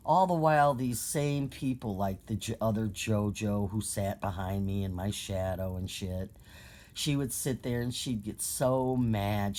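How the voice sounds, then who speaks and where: A live-stream ranter with an ordinary middle-pitched voice, talking casually but turning profane and mocking. The sarcasm is heavy, and the voice flares up when the anger peaks. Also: a little mellow. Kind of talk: casual angry rant.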